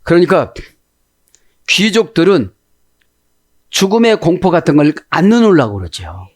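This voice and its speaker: Animated preaching man. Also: fairly high pitch, measured pace. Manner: animated preaching, acts out prayers in a pleading voice; asks the congregation "그죠?" often. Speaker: pastor. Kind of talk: sermon.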